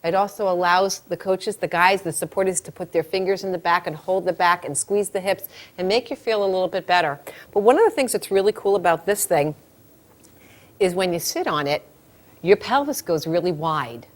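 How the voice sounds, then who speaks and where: Animated woman teaching a childbirth class. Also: lowish voice, brisk. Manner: animated storytelling, acts out quotes, chatty. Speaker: childbirth educator and labor nurse.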